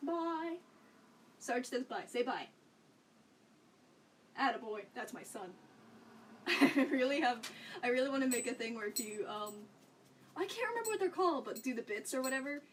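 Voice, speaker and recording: A young woman with a fairly high voice chats to her stream viewers from a room at home, rambling from one thought to the next and laughing often. She sits a little back from the mic. A faint noise runs underneath. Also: lively intonation, normal speed, long pauses. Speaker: livestreamer. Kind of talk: casual chat with stream viewers. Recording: slightly distant mic, faint background noise.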